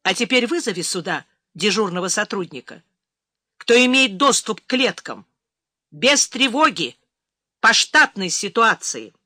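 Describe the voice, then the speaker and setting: A woman narrator voicing a tough, commanding male agent who speaks slowly through clenched teeth. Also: mid-range voice, big pitch swings, pushed and bright, no room sound, studio quality, full character voice. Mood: grim.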